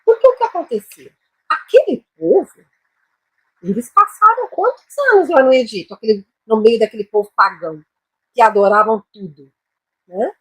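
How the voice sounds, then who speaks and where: A Brazilian woman teacher with a fairly high, very breathy and husky voice leads a live English lesson drawn from scripture. She speaks slowly and emphatically, repeating her phrases and checking in with tag questions. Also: animated, low-quality recording. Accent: Brazilian Portuguese.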